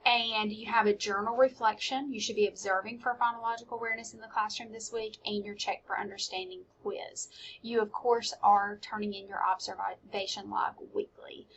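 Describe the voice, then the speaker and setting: A woman's voice: mid-range voice, fairly bright tone, muffled recording. A woman, a college instructor giving a recorded weekly course lecture, explaining steadily with frequent ums.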